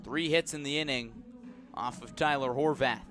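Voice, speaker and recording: Heard over music, a man with an American accent calls a baseball game live on the radio. His delivery is restrained between pitches and swells on the important plays.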